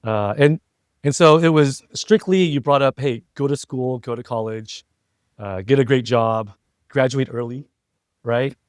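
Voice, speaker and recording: Clear and resonant, an unhurried mid-range voice belongs to a middle-aged American former CEO and entrepreneur being interviewed casually. He chats reflectively and at length, frequently checking that the listener agrees. The studio-quality audio has no room sound.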